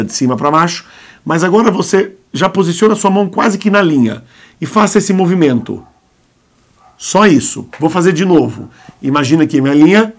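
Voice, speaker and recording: Patient man teaching letters at a whiteboard. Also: a little high. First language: Arabic. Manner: patient, coaxing, repeats sounds slowly for the learner. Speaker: Arabic teacher. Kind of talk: whiteboard alphabet lesson. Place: indoor classroom at a whiteboard.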